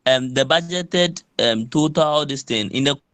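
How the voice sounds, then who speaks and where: A man's voice: mid-range voice, fairly bright tone, no echo. Man on a glitchy, breaking-up call. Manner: hesitant, halting with fillers. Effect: glitchy, breaking-up online call audio. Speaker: student asking a question. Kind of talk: online class question.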